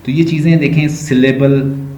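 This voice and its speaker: A man with a Pakistani Urdu accent lectures an online class. His voice sits at a middle pitch, and the room gives it a hollow echo. He drags words out slowly and says them again and again so the students can count their sounds. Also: steady tone, warm tone. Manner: explains by stretching and repeating words slowly. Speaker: teacher.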